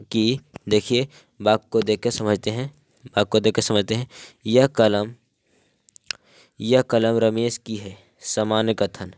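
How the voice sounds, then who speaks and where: A man teaching grammar at a slow, deliberate pace, repeating each phrase so students can copy it down. His voice is smooth and clear, pitched a little low, and sits close and dry with no room around it. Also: no room sound. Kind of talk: grammar lesson.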